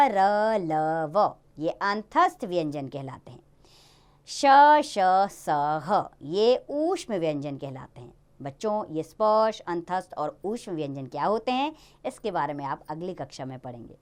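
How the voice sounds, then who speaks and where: A woman teaching a Hindi grammar lesson to young children in a lively, sing-song way. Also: on the low side, unhurried.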